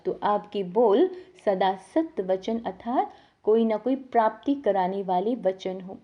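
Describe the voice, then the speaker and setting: A woman giving a devotional sermon on the daily lesson, lively, asking her listeners questions and answering them herself. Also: fairly high pitch, lo-fi sound. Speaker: spiritual teacher explaining the daily lesson. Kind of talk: devotional sermon, explaining a scripture reading.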